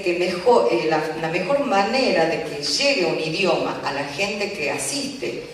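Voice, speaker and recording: A teacher gives a lecture at a community event, explaining patiently and pausing often with filler sounds. The voice sits at a middle pitch. It is caught from a distance in a large hall, with heavy echo and a faint hiss. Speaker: Japanese language teacher. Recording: echoey hall from far off, faint noise.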